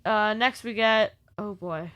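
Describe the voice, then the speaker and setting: A woman's voice: mid-range voice, slow pace, fairly bright tone, no echo, lo-fi sound. A woman co-hosting a wrestling recap podcast, reading through segments with sarcastic, exasperated asides. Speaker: podcast co-host. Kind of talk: casual wrestling recap chat.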